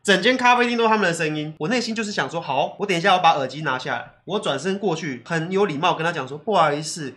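A man with a Taiwanese Mandarin accent hosting a casual chat, telling stories in an excitable way and laughing often. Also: a little high, racing, hardly any pauses. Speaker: podcast host.

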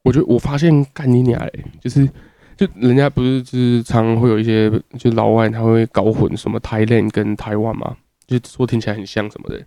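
A man's voice: medium pitch, flat delivery, brisk, warm tone, no echo, clean studio sound. A young man from Taiwan telling a crude, rambling casual story as a podcast host, swearing often.

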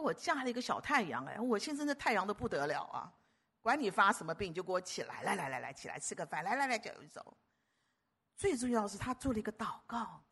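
A woman preacher delivering a sermon, emphatic and animated, often stumbling and repeating words. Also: mid-range voice, slightly rough.

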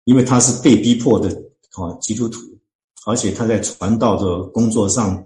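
A low-voiced man speaks as a church deacon explaining scripture in an interview. He talks earnestly, pausing on long fillers and restarting phrases as he thinks. The recording carries a noticeable echo from the room. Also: warm tone. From Chinese-speaking, living in Canada.

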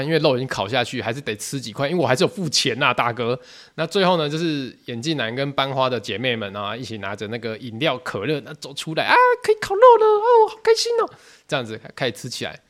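A young man with a Taiwanese Mandarin accent, hosting a podcast and telling a story in a lively, casual way, acting out other people's voices. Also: mid-range voice. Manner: animated, quotes people in shifting voices. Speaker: podcast host.

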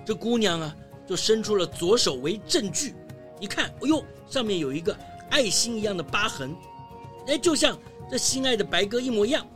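Storyteller lady for kids, super animated, oohs and aahs, soft music behind. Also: medium pitch, moderate pace. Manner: lively, exclaiming, full of fillers like 哎呦. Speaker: children's storyteller. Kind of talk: animated children's story narration.

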